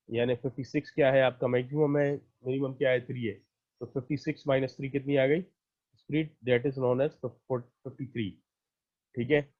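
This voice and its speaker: A man's voice: mid-range voice, narrow, tinny audio. A man teaching an online math class. He explains each step patiently, counts the items aloud and checks in with his students again and again.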